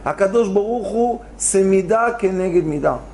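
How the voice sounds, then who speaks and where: Unhurried and a little mellow, this high-sitting male voice belongs to a rabbi teaching Torah in a lecture hall. Storytelling is his mode: he mixes Hebrew into his speech and acts out pleas with rising cries, against slight background noise.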